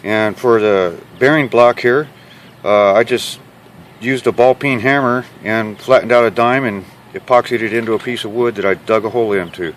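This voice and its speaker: A man giving a hands-on how-to demonstration in a plain-spoken, instructional way, often checking in with a quick okay. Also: on the low side. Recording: clear ambient and handling noise.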